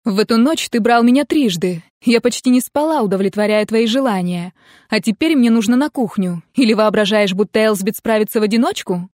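A woman voicing a stubborn, quick-tempered young woman in an audiobook, with sharp, indignant retorts. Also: a little high, no echo, studio quality, pitched above the performer's own voice, lightly acted.

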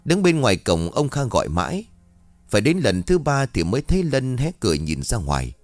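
A man narrating a ghost story audiobook in an expressive storytelling manner. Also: mid-range voice, brisk, no room sound, soft background music.

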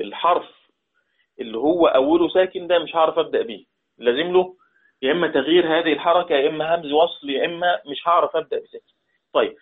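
A man with an Egyptian accent explains a lesson patiently, with a slightly high, husky voice. He goes back over key words and asks his listeners to respond. The sound is thin and tinny, like a phone line. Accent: Egyptian Arabic. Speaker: Quran recitation teacher.

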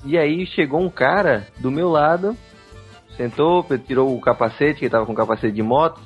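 A man's voice: on the high side, moderate pace, slightly rough, lo-fi sound, soft background music. A man co-hosting a podcast, telling a comic story in a dry, self-mocking way. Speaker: podcast co-host.

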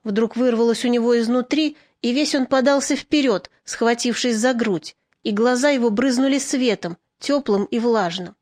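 A woman narrating a literary audiobook in a steady, expressive storytelling manner. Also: fairly high pitch, moderate pace, hardly any pauses, no room sound, studio quality.

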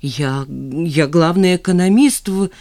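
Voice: mid-range voice, slow, darkish tone. A reader voicing a stiff, easily offended bookish man in his thirties, an economist, in an audiobook. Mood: indignant. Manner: indignant, stiff.

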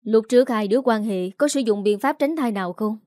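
A woman voicing an anxious, sharp-tongued middle-aged mother in an audio story, who scolds and grows shrill when upset. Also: fairly quick, dry recording, studio quality, close to an everyday voice. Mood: urgent questioning.

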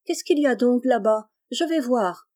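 A woman's voice: fairly high pitch, lively intonation, normal speed, mellow, pitched above the performer's own voice, lightly acted. A woman doing a bold teasing young wife. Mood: cheerful. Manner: breezy, teasing.

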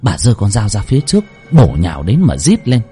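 A man narrating a horror story dramatically, with sweeping swings in pitch. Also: wildly swooping pitch, a little fast, mellow, slightly rough, soft background music.

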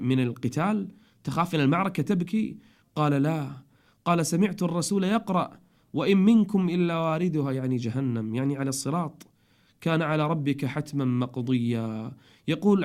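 A man's voice: fairly high pitch, darkish tone. A middle-aged man giving a religious storytelling sermon, preaching with an emotional delivery that rises and falls. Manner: emotional, rising and falling delivery.

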